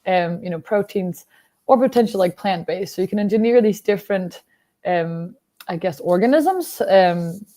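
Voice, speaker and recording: With a medium-pitched voice at an ordinary pace, this young founder of a Danish biotech startup explains her answers to an interviewer calmly. Fillers crop up throughout her speech.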